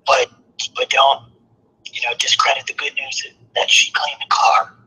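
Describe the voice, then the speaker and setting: A man calling in on speakerphone, talking in a loud hoarse whisper so he won't wake a sleeping child. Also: medium pitch, completely flat delivery, moderate pace. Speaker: caller, friend of the host. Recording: tinny phone line.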